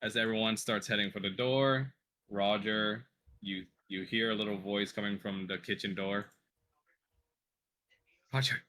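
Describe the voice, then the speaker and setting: A man narrating a tabletop role-playing game as game master, in measured, dramatic phrases with pauses. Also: fairly low pitch, fairly even intonation, pushed and bright.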